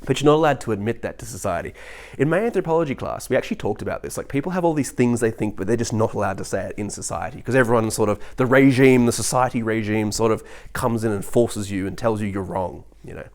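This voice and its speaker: A man talking to camera in a rambling monologue, animated and quick, with many restarts and mock voices when he quotes people. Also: on the low side. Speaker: vlogger.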